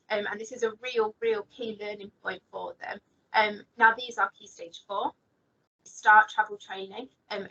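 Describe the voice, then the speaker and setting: A woman's voice: fairly high pitch, bright, forceful tone, muffled recording. A woman teaching at a special school, presenting earnestly over a video call whose audio keeps cutting out, with many fillers and restarts. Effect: video call audio breaking up and cutting out. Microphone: laptop or speaker on a video call.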